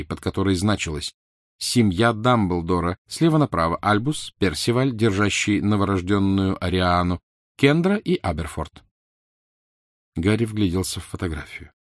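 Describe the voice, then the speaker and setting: Low-voiced man reading a novel aloud. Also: no echo, clean studio sound. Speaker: audiobook narrator. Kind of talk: scripted narration.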